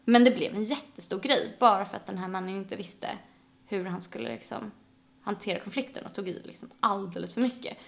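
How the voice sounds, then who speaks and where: Her voice sits at a medium pitch and sounds creaky as she, a Swedish woman, chats casually. She spins lively stories, acting out the voices of the people she quotes.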